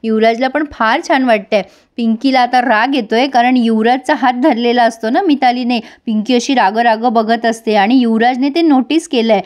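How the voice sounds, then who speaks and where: A woman's voice: fairly high pitch, fairly even intonation, normal speed, hardly any pauses. A woman retelling a TV serial episode for viewers, speaking to them directly and switching between narration and the characters' lines.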